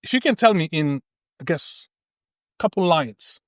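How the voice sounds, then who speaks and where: Podcast host, male, slightly raised pitch, emphatic and conversational, dry studio sound. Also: big pitch swings, unhurried, no room sound. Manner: emphatic, lots of "right?" and "okay?" check-ins. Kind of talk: roundtable discussion.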